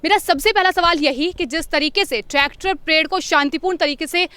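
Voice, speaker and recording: A woman hosting a news channel, introducing the topic and guest in a formal, measured manner. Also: very high voice, sharp tone, no echo.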